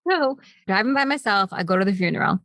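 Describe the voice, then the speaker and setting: A woman co-hosting a podcast, telling a story in a casual, animated way and laughing often. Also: mid-range voice, fast, no echo. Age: older than her co-host, who is in her twenties. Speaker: podcast co-host.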